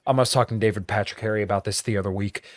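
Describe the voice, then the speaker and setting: A man's voice: lowish voice, steady tone, racing, no echo, studio quality. A man hosting a podcast, talking politics casually with lots of swearing and "you know". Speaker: podcast host.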